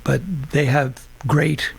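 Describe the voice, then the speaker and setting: Gravelly older man, halting and wry. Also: mid-range voice, little pitch movement. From Canada. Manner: halting, self-deprecating, laughs often. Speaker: band member, singer. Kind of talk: relaxed interview chat.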